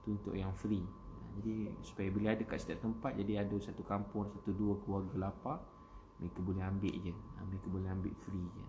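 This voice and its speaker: Low-voiced Malaysian man preaching, noisy audio. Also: level tone, fast talker. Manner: repetitive, exhorting, rising to loud emphatic refrains. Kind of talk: casual Instagram live religious talk. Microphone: phone.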